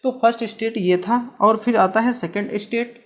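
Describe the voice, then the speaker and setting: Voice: medium pitch, fairly even intonation, normal speed. A teacher giving an exam-prep history lecture, asking rhetorical questions, answering them straight away, and explaining terms with everyday comparisons. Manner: keeps checking in with "ठीक है".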